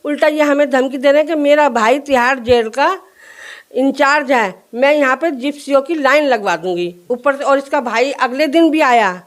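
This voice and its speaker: A woman's voice: high-pitched, normal speed. A woman shopkeeper in a news interview, recounting in earnest detail what happened and acting out the quoted exchanges.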